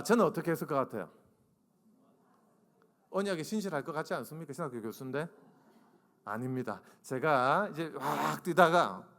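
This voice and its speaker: A man in his forties, a seminary professor preaching to a congregation, tells a funny story and acts out the dialogue. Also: a little high. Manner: animated, acts out dialogue and asks the congregation to raise hands. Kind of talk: humorous storytelling sermon. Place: church sanctuary. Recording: long reverb of a church sanctuary.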